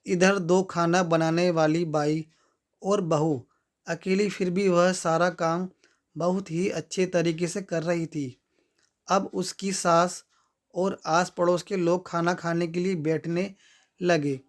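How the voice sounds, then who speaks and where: A man narrating a moral story in a slow, even storytelling manner. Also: high-pitched.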